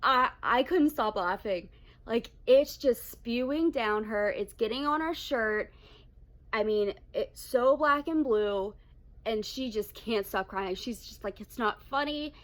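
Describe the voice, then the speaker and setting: A young adult woman telling a story-time vlog, blunt and animated with heavy swearing. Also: a little high, slow. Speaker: vlogger.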